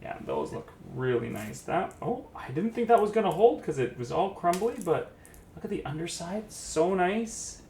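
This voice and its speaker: A man's voice: high voice, big pitch swings, normal speed, a little mellow, slight background noise. A man hosting a casual cooking demonstration, chatty and admiring, thinking aloud as he works in a kitchen. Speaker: cooking show host. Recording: echoey room with guitar music behind.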